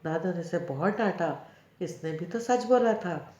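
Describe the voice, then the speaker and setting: A woman's voice: lowish voice, lively intonation, measured pace, dark tone. A woman reading the part of a stubborn, outspoken little girl who argues back. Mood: arguing. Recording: roomy, dull lo-fi recording.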